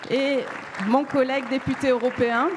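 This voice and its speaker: A woman's voice: sits high, little pitch movement, moderate pace, a crowd in the background, background noise. A woman moderating a conference panel, introducing the guests with frequent hesitations. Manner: hesitant, many fillers. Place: large conference hall. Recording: reverberant hall sound.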